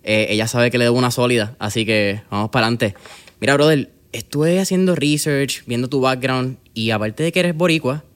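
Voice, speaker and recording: A man's voice: mid-range voice, brisk, clean tone. A man hosting a podcast interview, upbeat and slangy, mixing in English words. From Puerto Rico. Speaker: podcast host.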